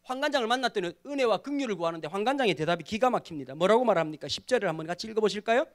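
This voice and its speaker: A man preaching to a youth congregation, animated and full of rhetorical questions. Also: sits high, rapid-fire. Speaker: pastor. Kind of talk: youth sermon. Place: church service.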